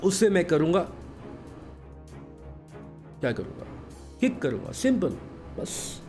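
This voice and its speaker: Hoarse streamer dude, slightly high voice, chill jokey hellos to chat. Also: male voice. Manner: greets viewers by name in a breezy, joking way. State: hoarse from a sore throat. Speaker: game streamer. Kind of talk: casual live-stream chat with viewers.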